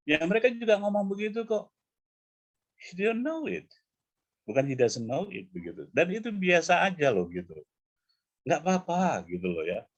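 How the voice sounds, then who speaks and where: A male coach in a relaxed online class, talking through grammar points and slowing down to repeat each example. His voice sits at an ordinary middle pitch, heard over a video call. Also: highs cut off. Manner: explains patiently, repeating examples slowly. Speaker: English coach. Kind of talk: casual online English lesson.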